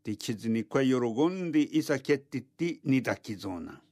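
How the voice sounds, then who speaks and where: A man's voice: mid-range voice, lively intonation, a little fast, a little mellow, dry recording, studio quality. A man narrating a folktale orally in a thick rural Tohoku Japanese dialect, with homespun, repeated dialect sentence endings. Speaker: folktale storyteller.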